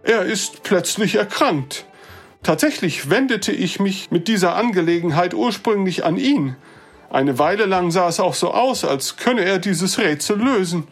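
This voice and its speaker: Narrator voicing a formal older gentleman, pitched up, earnest, halting. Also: lively intonation, husky, soft background music. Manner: formal, hesitant, old-fashioned.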